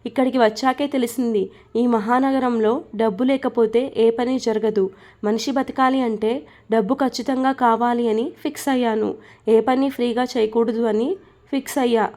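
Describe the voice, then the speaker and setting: A teasing, romantic young husband, as a woman reading the story puts him on. He speaks in a playful, coaxing way in a spoken storybook, with a mellow, slightly high voice. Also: fairly even intonation, normal speed, natural voice. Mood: earnest.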